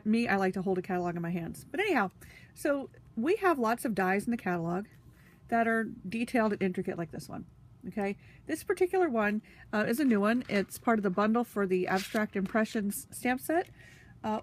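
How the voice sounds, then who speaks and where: A congested, sniffly woman with a mid-range voice chats casually, using lots of fillers, as she demonstrates a craft tool and handles it while talking. There's a little hiss or hum in the recording.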